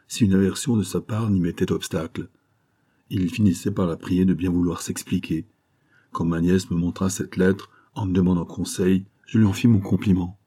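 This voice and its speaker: Deep, husky male narrator. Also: warm tone. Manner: measured, literary narration. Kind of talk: audiobook reading of a memoir.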